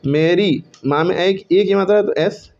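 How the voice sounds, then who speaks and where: Male teacher, slightly high voice, classroom lesson, counts aloud and self-corrects; dull lo-fi recording. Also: normal speed, gravelly, a little mellow. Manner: counts syllables aloud, checks and corrects himself. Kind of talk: classroom lesson on Hindi verse meter.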